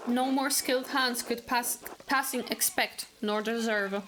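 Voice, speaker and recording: A woman's voice: on the high side, steady tone, measured pace, fairly bright tone, a little hiss or hum. A woman voicing an arrogant, condescending male village doctor from a video game, reading his lines aloud in a haughty tone. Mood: disdainful.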